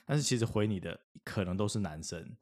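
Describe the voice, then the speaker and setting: A man's voice: fairly low pitch, animated, fast talker, a little mellow. A man in casual podcast chat, explaining things in a matter-of-fact way.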